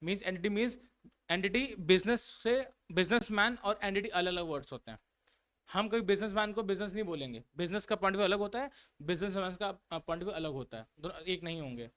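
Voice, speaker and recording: Young guy teaching accounts, fairly high voice, reads the definitions slow then explains them simply. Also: fairly bright tone. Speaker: accountancy tutor. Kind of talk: classroom lecture.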